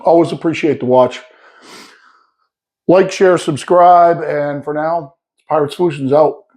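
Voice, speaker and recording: A man's voice: a little high, steady tone, unhurried, darkish tone. A man giving a casual workshop demo of his sharpening setup, explaining step by step in a plain-spoken way. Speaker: sawmill owner showing his setup. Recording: echoey, mics off.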